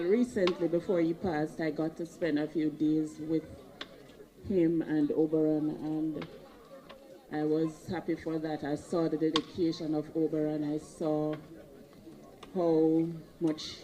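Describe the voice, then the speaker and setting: Jamaican woman giving a halting tribute. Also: low voice, level tone, mellow, poor audio. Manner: rambling, pauses with ums. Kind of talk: informal tribute speech. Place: outdoor wake gathering.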